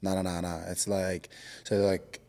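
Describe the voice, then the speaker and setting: A man in his twenties, born in Samoa and raised in Australia, talking casually and haltingly as a podcast guest, with lots of ums and likes. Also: low-pitched, flat delivery. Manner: soft-spoken, halting, many ums and likes. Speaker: podcast guest, rugby league player. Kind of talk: casual interview chat.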